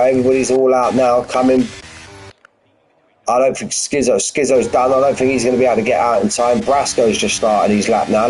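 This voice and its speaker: A man's voice: medium pitch, darkish tone, a little hiss or hum, poor audio. A man giving informal, matey live commentary on an online racing league, chatting to the drivers like mates. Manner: matey, addresses drivers as mate, lad and bud.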